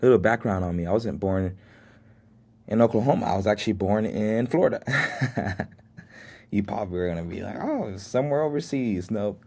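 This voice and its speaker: His lowish voice is expressive, creaky and husky, with a darkish tone and a moderate pace. An American podcast host in his twenties whose first language was Haitian Creole, he talks alone about life lessons, earnest and full of faith, chuckling at himself now and then.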